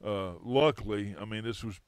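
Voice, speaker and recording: Blunt low-voiced fishing captain. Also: male voice, normal speed, smooth, no room sound. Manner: blunt, storytelling advice. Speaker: fishing charter captain and co-host. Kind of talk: casual chat.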